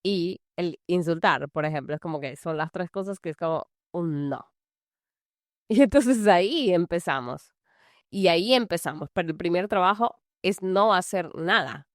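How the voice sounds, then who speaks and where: A woman coaches mothers on handling anger, speaking in a relaxed, rambling way with lots of filler phrases. Her voice sits a little low. The sound is dry, with no room echo around it. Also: measured pace. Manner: loose and conversational, full of "es como" fillers. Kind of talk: casual talking-to-camera advice. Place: large house.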